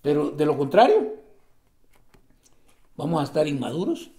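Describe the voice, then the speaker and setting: A man preaching a sermon, swinging between loud exclamations and hushed emphasis. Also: a little high, huge pitch swings, moderate pace.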